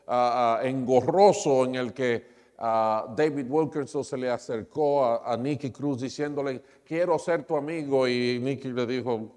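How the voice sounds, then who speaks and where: Guy preaching a sermon, storytelling style, big church hall echo, middle pitch. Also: a little mellow. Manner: storytelling, retelling a conversion story with quoted dialogue. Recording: long reverb of a church hall.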